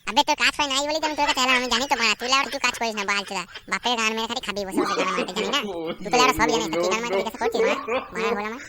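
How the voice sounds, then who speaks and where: Woman voicing a comedy cartoon, slightly high voice, super fast crude banter, music underneath. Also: over a noisy crowd. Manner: rapid, crude slang-heavy banter. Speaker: cartoon voice artist. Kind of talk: comic cartoon dialogue voicing. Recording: voice over background music.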